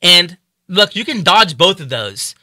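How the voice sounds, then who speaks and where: A man from Puerto Rico and Texas speaks as a guest on a radio show, his slightly high voice sharp and very bright. He rambles through his points, restarting sentences and leaning on fillers. The sound is close and dry. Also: very animated, measured pace, dry recording. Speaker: guest film producer. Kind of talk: radio interview.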